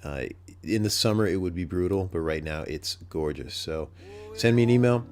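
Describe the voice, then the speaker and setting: A man's voice: low-pitched, moderate pace, darkish tone. A man with a nasal voice hosting a podcast, rambling thoughtfully and thinking aloud in a casual solo talk. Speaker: podcast host.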